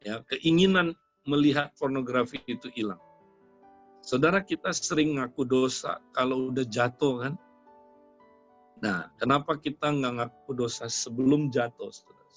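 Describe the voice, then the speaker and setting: A man's voice: medium pitch, normal speed, fairly bright tone. Casting: older male preacher, storytelling sermon, dull dry recording with faint music under it. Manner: storytelling preaching, constantly addressing listeners as "saudara". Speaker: pastor.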